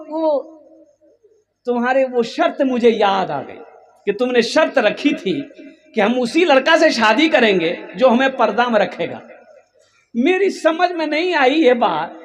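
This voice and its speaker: A preacher playing a puzzled old husband. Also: male voice, very high voice, lively intonation, unhurried, pitched above the performer's own voice.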